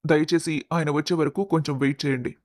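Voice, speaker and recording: A man voicing a serious hospital doctor in a storybook, giving bad news in a measured, formal way. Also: a little high, steady tone, darkish tone, dry recording, studio quality, lightly acted. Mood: grave. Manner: grave, formal. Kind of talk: storybook voice acting.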